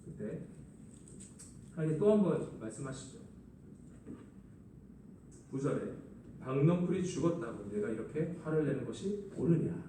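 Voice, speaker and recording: A man's voice: fairly high pitch, expressive, moderate pace, pauses often, dark tone, far from the mic, slight background noise. A man preaching a sermon as a pastor, acting out the lines he quotes. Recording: echoey hall, voice from afar.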